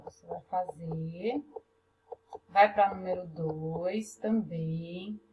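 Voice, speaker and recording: Woman, Brazilian Portuguese accent, teacher, classroom lesson, patient, checks in often. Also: mid-range voice. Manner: patient, explains step by step, checks in with "tá?". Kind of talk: classroom lesson walking through a workbook.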